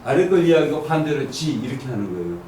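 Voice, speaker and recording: Guy teaching a class, keeps asking questions, swoopy pitch, faint hiss behind, echoey far mic. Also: big pitch swings, quick pace, warm tone. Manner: asks the class questions and drills readings aloud. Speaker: I Ching lecturer. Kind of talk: classroom lecture.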